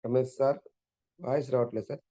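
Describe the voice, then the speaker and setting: Polite moderator, a man, very fast, mellow. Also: medium pitch, steady tone. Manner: polite, deferential. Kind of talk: call check-in.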